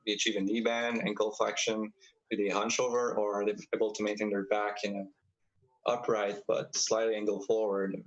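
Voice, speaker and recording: Male panelist, low pitch, methodical, explanatory tone. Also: lo-fi sound. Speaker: skating analyst. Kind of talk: live stream analysis.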